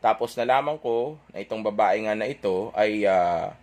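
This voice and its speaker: A young man with a lowish, slightly mellow voice tells an audience a dating story at a moderate pace. He rambles casually, corrects himself, and checks in with "okay?" after nearly every point.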